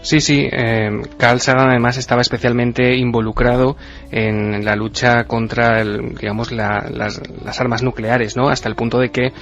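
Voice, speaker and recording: A man on a radio panel explaining in a flat, somewhat hesitant way. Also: mid-range voice, moderate pace. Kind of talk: radio talk show. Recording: dull radio audio with faint music.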